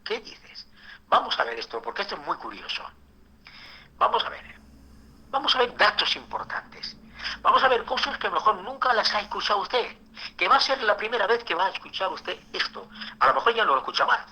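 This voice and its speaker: A man preaching a Bible school sermon as pastor, emphatic and swinging from loud declarations to hushed near-whispers. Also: high-pitched, very animated, fast talker, rough recording.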